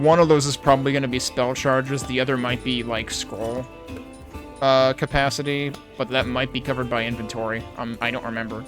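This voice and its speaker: This gamer speaks casually over game music, thinking out loud as he critically analyzes the play. His voice is mid-range with a fairly bright tone.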